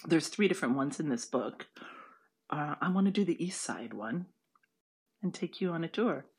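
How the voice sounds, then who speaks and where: A husky-voiced guide narrates a walking tour. The pitch sits in the middle, and the delivery is informal and a little halting, drifting into chatty asides. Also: animated.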